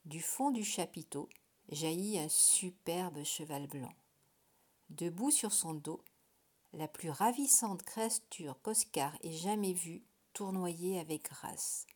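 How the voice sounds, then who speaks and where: A woman reading a children's story aloud. Her narration is expressive, lifting for wonder and dropping to a soft, breathy hush in suspenseful moments. A steady, engaged storytelling voice. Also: on the low side, slow pace. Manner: expressive, hushed in tense moments.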